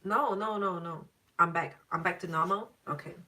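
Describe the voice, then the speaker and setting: A woman's voice: on the low side, normal speed, pushed and bright, distant mic. A woman giving a casual live-stream psychic reading to viewers. She talks in a chatty, emphatic way, repeats herself often and laughs now and then. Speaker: tarot and psychic reader answering live viewers.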